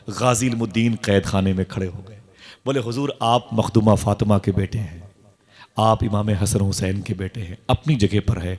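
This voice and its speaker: A man's voice: lowish voice, a little mellow. Fervent male preacher telling a story. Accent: Indian Urdu. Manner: dramatic, rising to fervent exclamations and wailing sighs. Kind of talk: emotional religious sermon storytelling. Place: live religious gathering.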